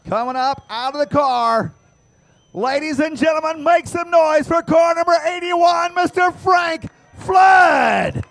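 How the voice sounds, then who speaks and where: A man announcing live at a race track in a booming, pumped-up voice, calling out cars and winners to the crowd. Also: a little slow, gravelly, hardly any pauses, a bit bright, dry recording, raised voice. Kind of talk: live race commentary and victory lane announcing. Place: outdoors at a speedway.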